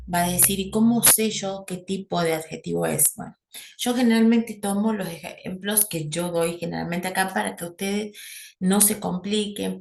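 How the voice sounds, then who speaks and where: A woman's voice: medium pitch, creaky. A middle-aged woman, teaching an English grammar class and checking in with her students again and again. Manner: explanatory, checks in with a constant "¿sí?". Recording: echoey room with faint noise.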